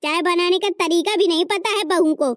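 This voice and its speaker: A woman's voice: extremely high pitch, moderate pace, no room sound, clean studio sound. A woman voicing a harsh scolding mother-in-law. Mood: scornful. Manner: scolding, insulting. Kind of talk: cartoon story voice acting.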